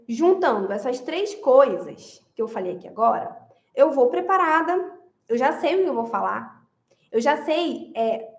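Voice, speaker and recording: A woman's voice: high-pitched, roomy sound. A woman giving marriage advice straight to her listeners, emphatic and repetitive, often leaning on a phrase again and again. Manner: emphatic, repeats phrases, addresses listeners directly. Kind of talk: advice talk to women.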